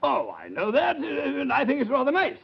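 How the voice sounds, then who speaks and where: Timid fussy gentleman, hesitant, apologetic, swooping pitch, muffled noisy old kids' TV recording. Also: very animated, a little fast, creaky, exaggerated voice. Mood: prim. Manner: hesitant, stammering. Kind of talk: old children's TV comedy acting.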